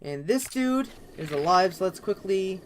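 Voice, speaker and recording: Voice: mid-range voice, expressive, a little slow. Rambling let's play commentator, noisy mix. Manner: rambling, leans on "actually" and "kind of". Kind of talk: casual gameplay commentary.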